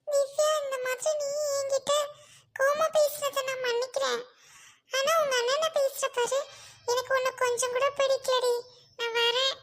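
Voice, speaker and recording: A woman's voice: extremely high pitch, little pitch movement, fairly bright tone, pitched above the performer's own voice. A woman voicing a friend who firmly lectures a girl about gratitude, in a short drama. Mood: hurt. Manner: lecturing, slow and firm. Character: stern female friend lecturing the sister.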